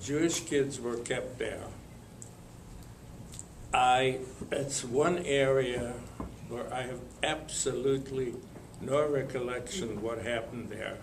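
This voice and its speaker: An older man from Lithuania, telling his life story to an audience in a slow, halting way with many pauses and fillers. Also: medium pitch, gravelly, roomy sound, a little hiss or hum. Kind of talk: spoken testimony to an audience.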